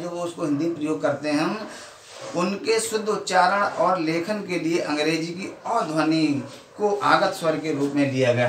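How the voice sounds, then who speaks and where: Male Hindi teacher with a Badaun accent, slightly higher voice, keeps quizzing and answering himself, recorded off-mic in an echoey room. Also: distant mic, slight background noise. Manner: asks questions and answers them himself. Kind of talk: classroom lesson.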